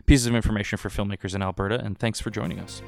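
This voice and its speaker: A man's voice: lowish voice, rapid-fire, gravelly, music in the background. A man co-hosting a podcast, talking casually with frequent fillers. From Canada. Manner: relaxed, hesitant with fillers. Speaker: podcast co-host. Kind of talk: casual chat.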